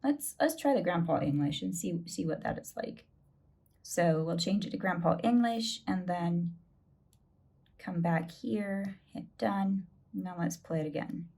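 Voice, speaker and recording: A woman hosting a screen-recorded tutorial, explaining an app step by step in a relaxed, chatty way. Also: fairly low pitch, a little slow, creaky, slightly rough. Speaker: tutorial host.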